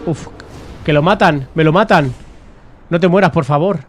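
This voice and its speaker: A man's voice: a little high, moderate pace, a little hiss or hum. A man with an accent from Spain, a game streamer giving casual commentary as he plays.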